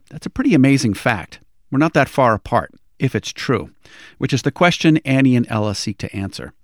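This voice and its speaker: A man with a mid-range voice hosts a conversation about storytelling. He speaks in a measured, reflective way and slows down to make a point. The recording is close and dry, with no room sound. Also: mid-range voice, no room sound. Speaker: host interviewing podcast makers. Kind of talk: reflective interview and narration.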